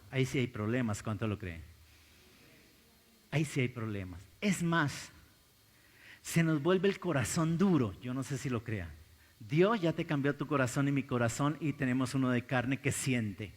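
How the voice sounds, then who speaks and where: Colombian pastor preaching in a reverberant hall. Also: male voice, lively intonation, normal speed. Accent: Colombian Spanish. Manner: preaching with big swings from loud exclaims to low intense asides. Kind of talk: sermon. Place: large church hall. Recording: live church recording with long hall reverb.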